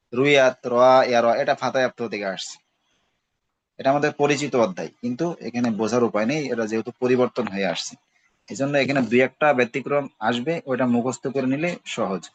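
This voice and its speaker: A man teaching a class on Arabic grammar, patiently repeating each verb form with its meaning and checking in as he goes. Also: medium pitch. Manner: checks in with "ঠিক আছে". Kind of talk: recorded class lesson.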